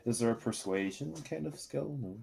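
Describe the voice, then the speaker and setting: A man's voice: medium pitch, expressive, normal speed, gravelly, darkish tone, a little hiss or hum. A man playing a tabletop game, musing aloud with many hesitations and fillers. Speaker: player. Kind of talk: casual tabletop game chat.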